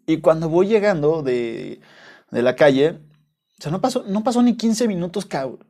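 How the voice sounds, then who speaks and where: A man's voice: a little high, lively intonation, moderate pace, warm tone. A young adult man with a Mexican accent, hosting a podcast and telling stories in a rambling, slangy, profane way. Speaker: podcast host. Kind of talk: casual monologue storytelling.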